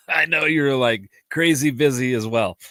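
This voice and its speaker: A man with a medium-pitched voice, pushed and bright, hosts a live podcast solo and speaks slowly and casually. His allergies leave him congested and nasal, and he rambles, restarts sentences and laughs often, with no echo.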